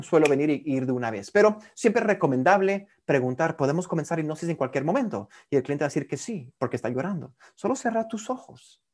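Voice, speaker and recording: Hypnosis teacher, husky breathy tone, repeats words, frequent "ok?" check-ins. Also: mid-range voice, a little mellow. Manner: checks in often with a quick "ok?"; shifts voice to demonstrate hypnotic questioning. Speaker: hypnosis instructor. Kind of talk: teaching a recorded tutorial.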